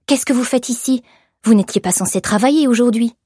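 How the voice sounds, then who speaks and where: A woman's voice: fairly high pitch, fairly quick, mellow, breathy edge, dry recording, clean studio sound, voice pushed up. A woman voicing a proud young seamstress who speaks up sharply and with indignation in an audiobook. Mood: indignant.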